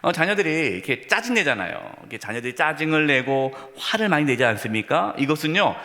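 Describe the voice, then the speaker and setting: A man's voice: fairly high pitch, big pitch swings, fast, bright, forceful tone. A man preaching a sermon as pastor to his congregation, speaking to them directly and with emphasis, in a church sanctuary. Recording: long reverb of a church hall.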